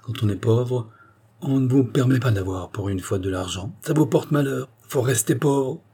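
A man's voice: mid-range voice, moderate pace, mellow, husky, pitched above the performer's own voice. A man reading a novel aloud, voicing a poor old railway tramp who states a blunt, fatalistic maxim.

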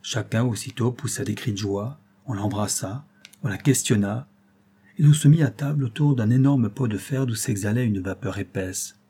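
Homme à la voix voilée et sombre. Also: male voice, lowish voice, moderate pace, dark tone, breathy edge. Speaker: audiobook reader. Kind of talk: scripted narration of a classic tale.

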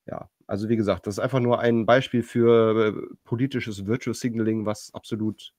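A man's voice: on the low side, steady tone, normal speed, a little mellow, no room sound, clean studio sound. A man hosting a casual panel podcast, reading out news items and commenting with many hesitations. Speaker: podcast host.

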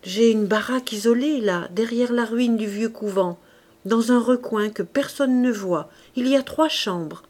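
A woman reading aloud, voicing an old male gardener in a raised, lively, exclaiming voice. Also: a little high, a little slow. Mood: devoted. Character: spry old male gardener, eager and devoted.

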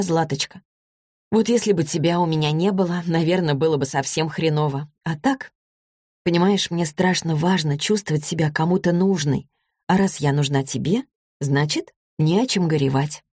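A woman's voice: low-pitched, normal speed, darkish tone, husky, no echo, studio quality. A woman reading a story, voicing an anxious, affectionate teenage girl who talks in an eager, pleading way. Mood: earnest.

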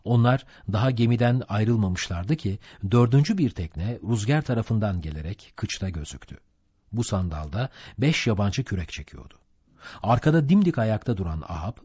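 A man reading a classic sea novel aloud as an audiobook narrator, in measured storytelling. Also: fairly low pitch, mellow, husky, dry recording, studio quality. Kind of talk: scripted narration.

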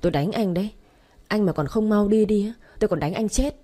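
A woman's voice: medium pitch, fairly quick, dark tone, voice pushed up, natural voice. A woman voicing a stern, scolding elderly father-in-law in an audio story. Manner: scolding, firm.

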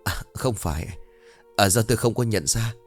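A man's voice: lowish voice, moderate pace, soft background music, lightly acted. A man voicing a flustered, polite man in his fifties who talks hesitantly and deferentially.

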